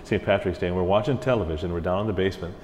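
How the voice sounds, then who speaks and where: A man's voice: low voice, racing. Chatty man in an echoey hall. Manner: chatty, animated, slips into mimicked voices. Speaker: orchestra music director, interview guest. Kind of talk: casual interview storytelling. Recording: roomy hall echo with faint ambient hiss.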